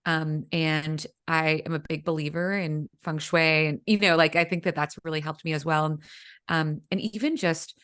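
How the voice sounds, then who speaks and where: This executive coach, a woman in her thirties whose first language is Vietnamese, talks chattily as a casual interview guest, leaning on "um" and "you know." Her voice is deep and smooth with a fairly bright tone, fairly even intonation, and a moderate pace.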